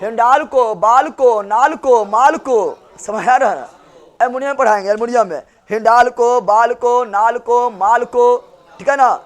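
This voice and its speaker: A man's voice: very high-pitched, normal speed. A male teacher, giving a classroom lecture and drilling students with repeated questions and answers.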